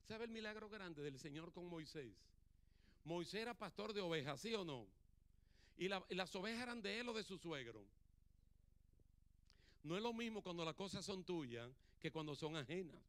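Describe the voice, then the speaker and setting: A man's voice: high voice, animated, normal speed, long pauses, fairly bright tone. A male pastor preaching a sermon in a church, acting out Bible dialogue and putting questions to the congregation. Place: church sanctuary.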